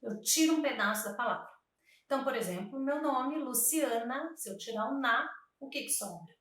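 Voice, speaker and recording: A woman's voice: high-pitched, expressive, a bit bright, distant mic. A woman speech therapist from Brazil explaining to camera, patiently sounding out words syllable by syllable. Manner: patient, slow syllable-by-syllable demonstrations. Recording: very echoey room, voice from off-mic.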